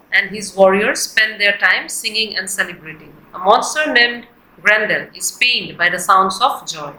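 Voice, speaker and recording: A woman giving a scripted, explanatory literature lesson in a deliberate, textbook-like manner. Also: mid-range voice, bright, forceful tone. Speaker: literature teacher. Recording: echoey, roomy sound.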